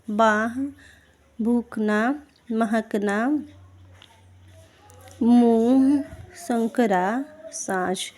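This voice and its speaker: A woman teacher giving an exam-prep spelling lesson, slowly reading out word lists and pausing to ask her students rhetorical questions. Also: sits high. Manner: slow, deliberate reading of word lists with brief explanations.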